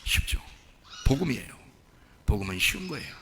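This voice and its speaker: Animated gravelly Korean pastor preaching. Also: male voice, medium pitch, fairly quick, big-room sound, slight background noise. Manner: animated, rhetorical questions, acts out inner voices. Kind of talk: sermon.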